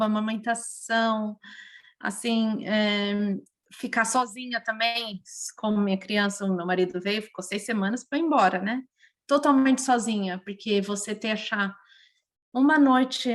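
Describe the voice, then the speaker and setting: A woman from Brazil, speaking with a Brazilian Portuguese accent, tells personal stories as a guest in a casual podcast interview. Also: medium pitch. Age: adult, mother of a young child. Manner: lively, emotional personal storytelling.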